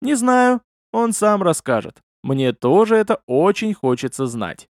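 A man voicing a mocking old security chief in an audiobook, with sly, drawn-out teasing lines. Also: high voice, sing-song, dry recording, clean studio sound, voice pushed up, heavily acted.

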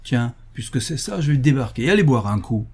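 A man's voice: mid-range voice, lively intonation, brisk, darkish tone, husky. A man voicing a hot-tempered young man in a storybook reading, ranting in indignant questions.

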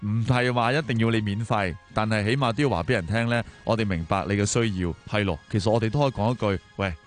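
A man's voice: on the low side, fast talker. A man with a Hong Kong Cantonese accent hosts a talk show, commenting and telling stories in a colloquial, conversational way with rhetorical questions. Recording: music behind the voice. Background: background music.

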